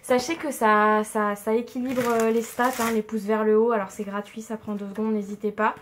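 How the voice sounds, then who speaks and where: A woman's voice: a little high, level tone, normal speed, slight background noise. A woman doing a casual tarot card reading for her viewers, chatty and reassuring with many fillers. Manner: chatty, warm and reassuring, frequent fillers and soft laughs. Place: home room, with a tripod-mounted camera.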